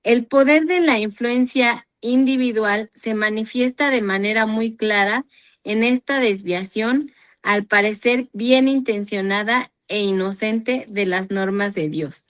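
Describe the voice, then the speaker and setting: A woman with a somewhat high voice leads a Bible reading circle at an unhurried pace. She reads scripture passages aloud and adds her own comments on them.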